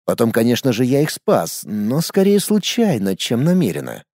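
A man reads a first-person audiobook with wry, even-tempered storytelling. His tone is mellow and warm, his intonation lively. The recording is dry and close. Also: mid-range voice, moderate pace, dry recording. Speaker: audiobook narrator.

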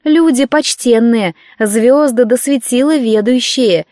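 A woman voicing a grumpy, sharp-tongued female servant who scolds with scorn. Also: fairly high pitch, slow pace, dry recording, studio quality. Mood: scornful.

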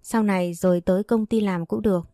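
A woman's voice: mid-range voice, fairly even intonation, brisk, dark tone, no echo, clean studio sound, faint music behind, close to an everyday voice. A woman voicing a caring, protective young husband in a read-aloud storybook. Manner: caring, coaxing.

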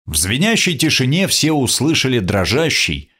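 A man narrates a first-person adventure story as an audiobook. His intonation rises and falls with great liveliness. He tells the scenes expressively at a middle pitch. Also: very animated, normal speed, sharp tone, breathy edge.

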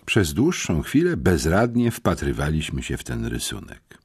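A man narrating an adventure audiobook in the first person with expressive storytelling. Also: a bass voice, moderate pace, breathy edge.

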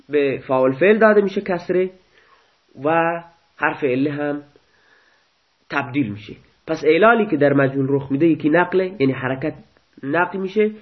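A man teaches a grammar lesson in a methodical way, repeating each form slowly as he explains it. His voice sits somewhat high. The recording sounds muffled and lo-fi. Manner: explains step by step, repeats verb forms slowly.

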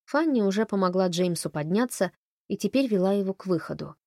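A woman narrating an audiobook in an expressive, even storytelling manner. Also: mid-range voice, fairly quick, no echo, studio quality. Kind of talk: scripted narration.

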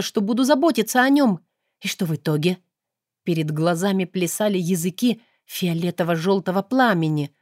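A woman's voice: fairly low pitch, darkish tone, dry recording, studio quality. A woman narrating a fantasy audiobook in the first person, with an emotional, dramatic delivery.

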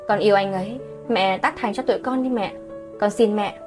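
A woman's voice: medium pitch, a little fast, a little mellow, faint music behind, natural voice. Woman doing a tearful pleading teenage girl. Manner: hesitant, pleading.

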